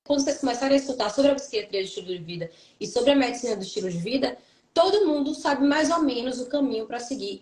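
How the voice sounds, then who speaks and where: A woman psychologist from Salvador with a Bahian accent, talking earnestly and reflectively in a live stream conversation. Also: medium pitch. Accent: Bahian Brazilian Portuguese. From Salvador, Bahia, Brazil. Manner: earnest, reflective, speaks in long runs with restarts. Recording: roomy echo.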